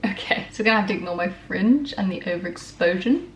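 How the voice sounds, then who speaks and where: A woman's voice: mid-range voice, animated, fast talker, music in the background. A young woman vlogging casually from her bedroom, rambling and self-deprecating as she chats. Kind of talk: casual vlog chat. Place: bedroom at home.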